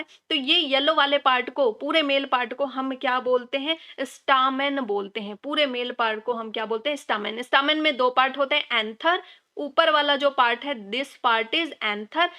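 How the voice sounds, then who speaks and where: A woman's voice: high-pitched, bright, forceful tone. A woman teaching a biology revision lesson. She mixes English terms into her speech, asks her own questions, answers them, and repeats the key words. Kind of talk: exam revision lecture.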